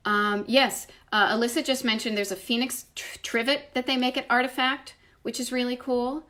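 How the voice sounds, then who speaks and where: A retro travel writer with a slight Boston accent chats from home on her livestream, responding to comments from live viewers. She rambles effusively with emphatic self-interrupting asides, in a fairly high, steady, sharp voice at normal speed.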